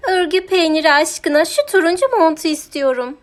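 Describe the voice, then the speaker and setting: Woman doing Mörlala, a loud stubborn cow. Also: extremely high pitch, soft background music, pitched above the performer's own voice. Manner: loud, exclaiming, drawn-out whines. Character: vain stubborn female cow, demanding and whiny. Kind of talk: children's audiobook character voice.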